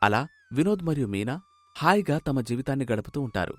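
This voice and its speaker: A man giving scripted narration for an animated family story in a steady, plain storytelling manner. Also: medium pitch, brisk, dry recording, soft background music.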